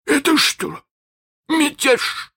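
A man voicing a menacing pirate captain with an iron hook, by turns shouting and coaxing in a strained high voice. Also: very animated, slow, heavily acted. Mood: sly menace.

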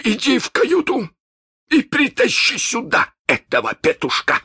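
A man voicing a menacing pirate captain with an iron hook, by turns shouting and coaxing in a strained high voice. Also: huge pitch swings, a little slow, husky, full character voice. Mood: thundering.

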